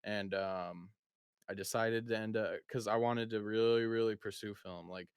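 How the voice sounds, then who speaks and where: An eighteen-year-old man hosting a podcast, chatting casually and often trailing off quietly. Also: lowish voice, steady tone, moderate pace, clear, resonant tone, dry recording, studio quality. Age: teens. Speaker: podcast host. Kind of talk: casual chat.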